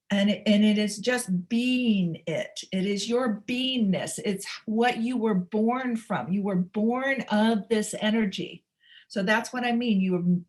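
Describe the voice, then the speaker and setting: A middle-aged woman hosting a spiritual webinar, talking unscripted in a soft, halting way with many fillers and restarts. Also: medium pitch. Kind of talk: unscripted teaching talk. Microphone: webinar microphone.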